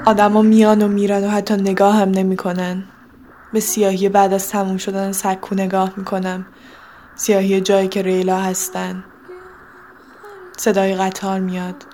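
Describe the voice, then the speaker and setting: Woman narrating in a flat monotone. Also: mid-range voice, a little hiss or hum. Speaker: storyteller. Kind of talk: scripted first-person story narration.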